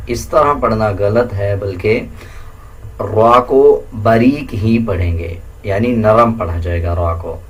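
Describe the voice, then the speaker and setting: After laying out the rules of tajweed pronunciation in plain teaching language, this Quran recitation teacher shifts to chanting verses slowly, his voice rising higher and becoming melodic.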